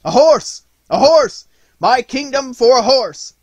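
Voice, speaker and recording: A man's voice: extremely high pitch, lively intonation, takes it slowly, dry recording, voice pushed up, full character voice. A man voicing a desperate toy nutcracker army commander in a storybook. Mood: wild despair.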